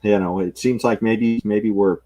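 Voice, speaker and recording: A man's voice: lowish voice, steady tone, a little slow, dark tone, faint music behind. A man hosting a casual political podcast, talking in an easygoing way with hesitant fillers. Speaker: podcast host.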